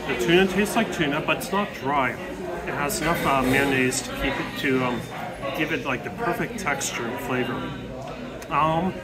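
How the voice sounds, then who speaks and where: A man's voice: medium pitch, moderate pace, a loud crowd, low-quality recording. Middle-aged man chatting through a food review. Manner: chatty, with frequent fillers. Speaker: travel vlog host. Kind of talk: casual food review vlog. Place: indoor cafe table. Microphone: handheld camera at arm's length. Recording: music playing under the voice.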